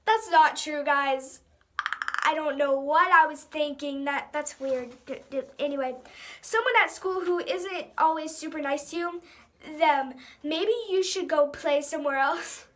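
A woman's voice: high-pitched, a little slow, fairly bright tone. A ten-year-old girl talking casually to the camera and reading aloud, with a dramatic, self-mocking manner. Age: child, ten years old. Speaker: young vlogger. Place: small room at home, indoors.

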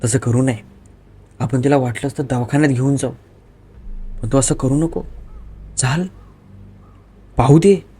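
A man doing a hotel owner calming a worker. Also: medium pitch, unhurried, long pauses, slightly rough. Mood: reassuring.

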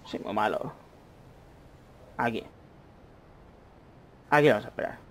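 A young man commentating his own gameplay, chatty, with excited outbursts and muttered asides. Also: on the low side, unhurried. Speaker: gaming YouTuber. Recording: faint noise, mouse and keyboard clicks.

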